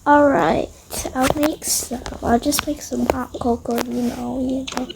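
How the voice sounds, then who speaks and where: Murmuring along as if to themself, a player improvises a roleplay story over a toy-house game, voicing the family members. The voice sits high, with a flat, slightly slow delivery and some vocal fry, and there is background noise.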